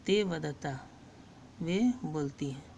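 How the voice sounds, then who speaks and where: Slow, gravelly-voiced woman teaching a lesson. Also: low voice, a little mellow, a little hiss or hum. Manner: reads each phrase, then explains it slowly and patiently. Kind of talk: slow line-by-line Sanskrit lesson with Hindi translation.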